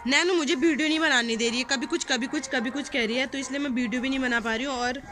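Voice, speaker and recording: On an outdoor rooftop in a hill town, a young home vlogger from northern India's hills chats casually into her phone camera at arm's length. She speaks quickly in a high, steady voice. Her manner is homely and talkative, treating her viewers like friends.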